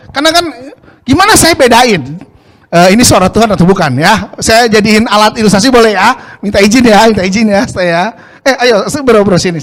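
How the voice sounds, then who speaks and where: A man's voice: sits high, fairly bright tone. A male pastor preaching a casual slang sermon, asking the congregation rhetorical questions.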